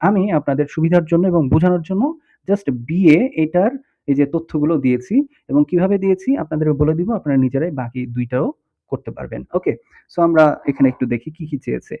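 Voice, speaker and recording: Bangladeshi man teaching over a tinny line. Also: a little high. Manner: explains step by step, checks often with the listener. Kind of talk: screen-recorded tutorial lesson. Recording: tinny, phone-like audio.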